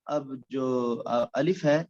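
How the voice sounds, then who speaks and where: A man's voice: medium pitch, a little mellow, highs cut off. A male recitation teacher giving a recorded lecture, explaining step by step with frequent hesitation sounds.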